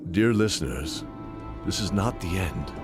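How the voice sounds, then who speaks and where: Over a loud bed of music, a man with a deep, expressive voice narrates a scripted audio drama at a slightly slow pace, using a dramatic storytelling style.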